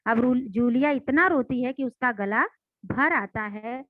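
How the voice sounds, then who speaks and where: A woman's voice: a little high, measured pace, dry recording. A woman teacher retelling and explaining a story in a lesson, asking rhetorical questions. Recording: dry, tinny phone-like sound.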